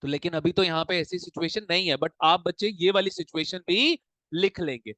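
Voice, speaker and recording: A man's voice: sits high, brisk, fairly bright tone, no echo. A male accounts teacher, mixing Hindi and English while he drills a class with repeated questions. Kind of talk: classroom lesson.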